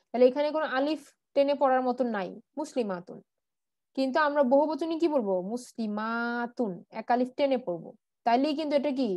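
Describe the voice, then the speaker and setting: High-voiced woman teaching patiently. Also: mellow, no echo. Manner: patient, repeats word forms slowly, asks questions and answers them; mixes English words into her talk. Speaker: Arabic grammar teacher. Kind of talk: online class lesson.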